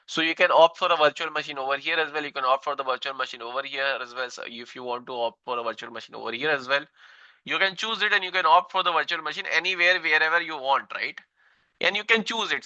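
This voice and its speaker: A man's voice: on the high side, bright, forceful tone, no room sound, lo-fi sound. A man in his thirties with an Indian English accent, teaching an online tech class, repeating himself and checking in with "right?" after each point. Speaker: instructor.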